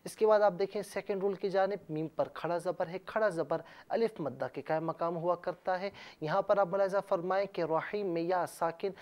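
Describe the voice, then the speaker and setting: A man's voice: sits high, a little mellow. A man hosting a TV lesson on Quran recitation, explaining rules carefully and drawing out words letter by letter. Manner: measured teaching, drawn-out letter-by-letter recitation. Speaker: TV Quran teacher and host.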